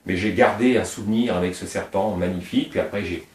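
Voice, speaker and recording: This low-pitched man talks a little fast. He's a middle-aged Réunion Island snake breeder, explaining his animals informally and wandering off topic as he stacks up particulars. He was recorded from afar, in a roomy-sounding space.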